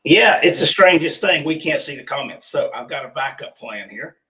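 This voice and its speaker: Guy hosting a casual stream, rusty froggy hoarse voice, bit far from the mic. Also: fairly high pitch, animated, normal speed, sharp tone. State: hoarse from pollen. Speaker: host of a livestream workshop. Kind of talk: casual livestream chat. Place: remote studio.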